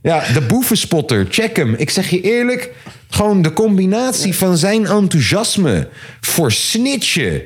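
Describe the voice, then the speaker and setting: A man hosting a casual podcast chat, animated and loose, swearing and mixing in English slang. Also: high voice, measured pace, husky.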